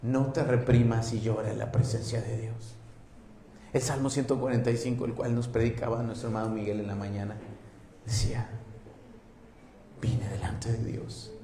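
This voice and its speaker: A man with a Mexican accent preaching a sermon as pastor, moving between loud emphatic passages and soft hushed ones. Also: mid-range voice, level tone, fairly quick, echoey room, slight background noise. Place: church.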